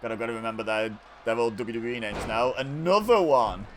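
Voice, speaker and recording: A man calling wrestling video game action play-by-play in a chatty, excitable way, often correcting himself. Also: mid-range voice, brisk, a little hiss or hum. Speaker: gaming video host. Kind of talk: play-by-play commentary over video game footage.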